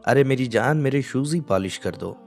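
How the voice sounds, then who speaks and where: A man's voice: mid-range voice, expressive, moderate pace, a little mellow, soft background music, pitched above the performer's own voice, natural voice. A man voicing a young husband who grumbles but dotes on his wife. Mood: affectionate. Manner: grumbling, affectionate.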